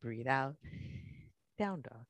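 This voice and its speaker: A yoga instructor slowly coaching breath and movement through a guided class in short, spaced phrases. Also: medium pitch, lively intonation, a bit bright, no room sound.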